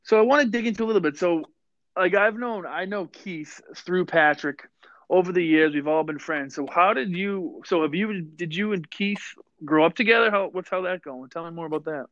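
A man's voice: sits high, moderate pace, a bit bright, no echo. A man hosting a casual podcast interview, asking questions and laughing often. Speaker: podcast host. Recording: dull lo-fi audio, dry.

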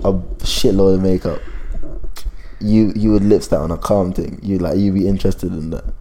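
A man's voice: deep voice, fairly even intonation, moderate pace, mellow. A young man with a London urban roadman accent, arguing casually on a podcast in heavy street slang, with noise behind him. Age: young adult. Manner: slangy, argumentative. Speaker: podcast host. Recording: clear background noise.

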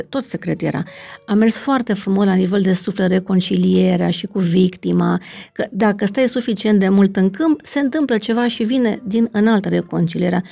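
Middle-aged woman guest, gravelly and mellow, chatty explainer who keeps checking that the listener follows. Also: medium pitch. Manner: explains with many fillers and checking questions like "da?". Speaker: family constellations facilitator, guest. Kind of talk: conversational explanation in an interview.

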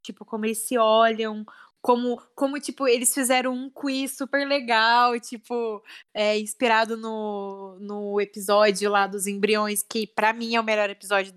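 A woman's voice: a little high, little pitch movement, normal speed, fairly bright tone, clean tone. A young adult woman in a casual chat, talking emotionally with lots of fillers.

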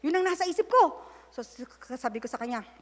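Fast and lively, a middle-aged woman with a high voice preaches in a space with long hall reverb. She recounts personal stories candidly in English and Tagalog and keeps dropping into prayer in the middle of a sentence.

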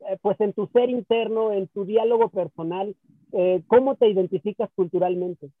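A man hosting an interview, asking thoughtful, measured questions. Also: high-pitched, dry recording. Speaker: host. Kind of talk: interview conversation. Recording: tinny phone-like sound, dry.

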